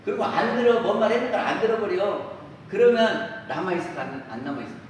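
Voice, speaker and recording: High-voiced preacher in an echoing hall. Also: male voice, animated, quick pace. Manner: asks the listeners questions and acts out everyday quotes. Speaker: Won Buddhist minister. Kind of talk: dharma talk to a congregation. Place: temple dharma hall. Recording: very echoey hall, voice from far off, faint hiss.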